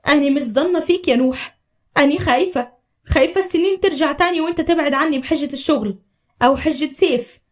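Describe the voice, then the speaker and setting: A woman's voice: high voice, fast talker, lightly acted. A woman voicing an anxious young wife from Upper Egypt in a storybook drama, speaking emotionally with an Upper Egyptian accent. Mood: pleading. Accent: Upper Egyptian Arabic. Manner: emotional, pleading.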